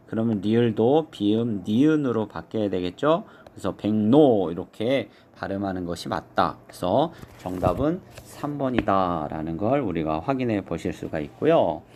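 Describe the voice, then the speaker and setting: A man teaching an exam review lesson, explaining step by step and slowly modeling each pronunciation. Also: medium pitch, a little mellow.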